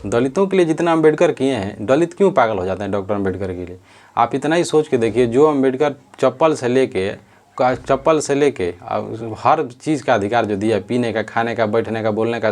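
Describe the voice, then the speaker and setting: A man's voice: mid-range voice, brisk, darkish tone. A man giving earnest, unscripted commentary on a social issue, repeating himself and restarting sentences. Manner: earnest, repetitive, frequent restarts. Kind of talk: casual spoken commentary.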